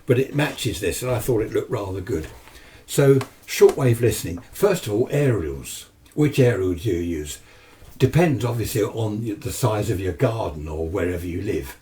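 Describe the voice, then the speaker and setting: In a noisy room recorded from a distant microphone, a British man sits in his home radio shack giving a chatty, rambling, matter-of-fact hobby talk on amateur radio, unscripted and casual. His voice is fairly low, mellow and expressive, at a moderate pace.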